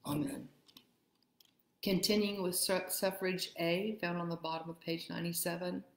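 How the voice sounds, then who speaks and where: A woman leading a church liturgy, reading prayers in a measured, steady way, with a roomy church echo. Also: on the low side, vocal fry, slight background noise. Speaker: worship leader. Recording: echoey room.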